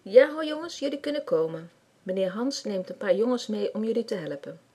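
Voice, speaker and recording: A woman's voice: medium pitch, lively intonation, a little fast, mellow, slightly rough. A woman voicing a kind father who reassures his son. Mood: reassuring.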